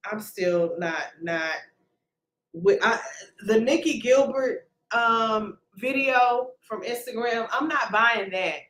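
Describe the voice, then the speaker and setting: A woman in her forties hosting a casual gossip commentary, talking in an animated, emphatic way. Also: takes it slowly. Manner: animated and emphatic, drops low when doubtful. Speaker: channel host. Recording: roomy echo.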